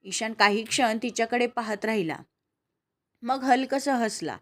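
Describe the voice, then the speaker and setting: Brief: steady, calm woman narrating a family drama. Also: on the high side, unhurried. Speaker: storyteller. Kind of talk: scripted story narration.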